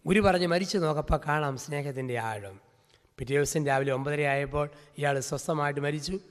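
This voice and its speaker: A priest with a fairly high voice tells a brisk storytelling sermon, piling up vivid scenes in rhythmic lists. A long reverberant tail follows his words, as though he were recording in a large hall.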